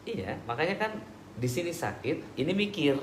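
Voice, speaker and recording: A man preaching and answering audience questions in a relaxed, conversational way with everyday examples. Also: a little high, normal speed. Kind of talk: casual religious Q&A talk. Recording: echoey room with background noise.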